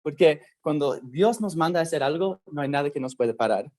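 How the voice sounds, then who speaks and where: A man giving a casual Bible lesson, talking slowly and conversationally and checking in with his listeners often. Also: fairly high pitch, lively intonation, darkish tone. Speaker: youth Bible teacher.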